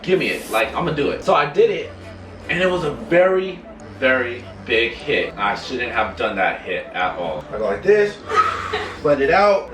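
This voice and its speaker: A man's voice: mid-range voice, recorded from a distance. Laid-back young man telling stories. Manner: laid-back, lots of "like" fillers. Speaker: vlogger. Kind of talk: casual storytelling. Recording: roomy sound from off the mic, music behind.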